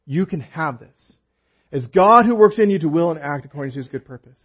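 A man's voice: a little high, animated, fairly quick, slightly rough, highs cut off. A man preaching a sermon as a pastor, reading scripture aloud and explaining it with casual asides and humor.

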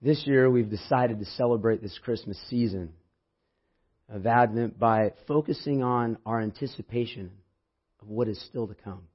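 Hoarse man preaching, dull recording. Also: mid-range voice, moderate pace. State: hoarse, losing his voice. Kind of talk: church sermon, conversational. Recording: dull, muffled sermon audio.

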